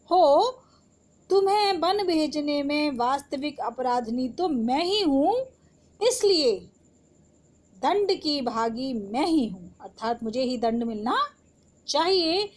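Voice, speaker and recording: A woman teaching Hindi poetry in an online class, explaining the verse line by line and asking her students rhetorical questions. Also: sits high.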